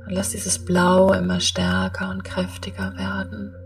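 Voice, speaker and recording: A woman guiding a meditation in a soft, breathy, half-whispered soothing voice, speaking in slow, spaced-out calm instructions. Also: fairly low pitch, recorded from a distance. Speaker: podcast host and meditation guide. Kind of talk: guided meditation.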